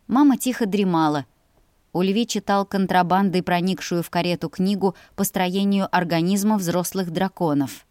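A woman reading a first-person fantasy audiobook in a lively, expressive way. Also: mid-range voice, no echo, clean studio sound. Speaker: audiobook narrator. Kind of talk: scripted first-person narration.

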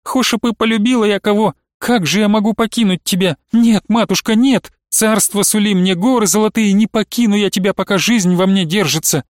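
A man's voice: sits high, normal speed, few pauses, no room sound, clean studio sound, voice pushed up, close to an everyday voice. A man reading the part of a young novice woman who pleads tearfully with her abbess. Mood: desperate crying.

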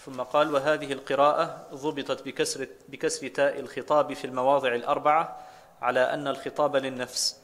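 A man's voice: medium pitch, little pitch movement, a little fast, a bit bright. A man reading a religious text aloud for his teacher, steadily reciting quotes and long lists of names.

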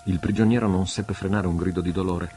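A man reading a novel aloud in measured, dramatic storytelling style. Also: low-pitched, steady tone, dark tone, soft background music. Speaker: audiobook reader. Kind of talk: literary audiobook narration.

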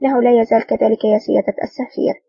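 A woman's voice: fairly high pitch, fairly even intonation, racing, creaky, breathy edge, dry recording, exaggerated voice. A woman reading the part of a playful, teasing young female lieutenant, in a dull, distant recording.

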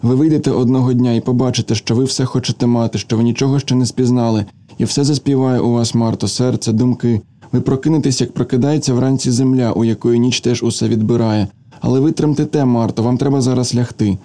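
A man's voice: mid-range voice, steady tone, quick pace, mellow, lightly acted. Man reading as an earnest, tender young man. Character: earnest young man, gentle, hopeful dreamer.

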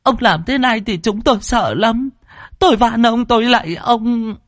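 A man's voice: takes it slowly, no echo, clean studio sound, exaggerated voice. A man putting on a wailing old grandmother. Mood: pleading. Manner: wailing, high strained falsetto. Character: grieving old grandmother, tearful and pleading.

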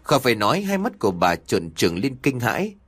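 A man narrating an audio story in a dramatic, expressive way. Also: mid-range voice, a little fast, slightly rough, faint music behind.

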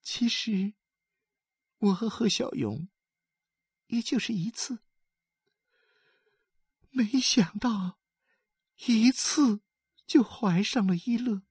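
A woman's voice: medium pitch, slow pace, long pauses, a little mellow, slightly rough, dry recording, clean studio sound. A woman voicing an ashamed young wife who tearfully confesses, in an audiobook dialogue. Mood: tearful confession. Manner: weeping, pleading.

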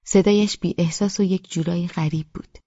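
A woman's voice: fairly low pitch, fairly even intonation, dark tone, husky, dry recording, lo-fi sound. A woman narrating a first-person audiobook with a wry, self-deprecating storytelling manner.

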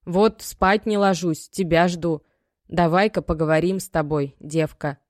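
A woman's voice: on the low side, steady tone, measured pace, dry recording, studio quality, natural voice. A woman voicing an aging, worried mother who scolds and pleads in homely, folksy speech. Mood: scolding. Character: aging worried mother, stern yet loving.

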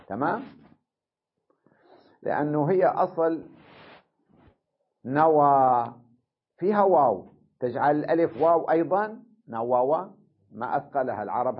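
A man teaches a classroom grammar lesson in a husky, slightly breathy voice. He explains step by step and keeps checking that his students follow. The recording is dull and lo-fi. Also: mid-range voice. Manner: explains step by step, asks the class "tamam?" often.

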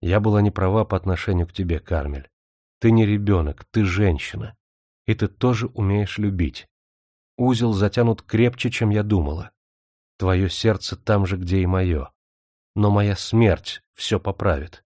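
A man's voice: on the low side, moderate pace, a little mellow, no room sound, studio quality, natural voice. A man voicing a despairing, jealous older sister, a young woman who speaks in anguished, pleading tones. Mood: resigned.

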